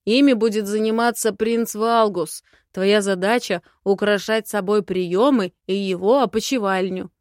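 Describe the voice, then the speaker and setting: A cranky old nobleman who growls his words and snaps at anyone who crosses him, as a woman reads him aloud. His voice sits at a middling pitch, and the booth sound is completely dry, with no room echo. He comes across as stiff, indignant and sure of his own authority. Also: fairly even intonation, moderate pace, few pauses, natural voice. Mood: stern. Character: grumpy, rude old male lord. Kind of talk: audiobook character voice.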